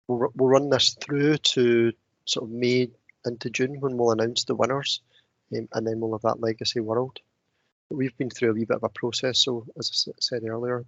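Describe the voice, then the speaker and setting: A man talks through a plan over a video call, relaxed and hesitant, with many fillers. His voice is of middle pitch. The call audio is dull and completely dry. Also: no echo. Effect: heard over a video call. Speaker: project lead presenting a schools program. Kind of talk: casual webinar presentation.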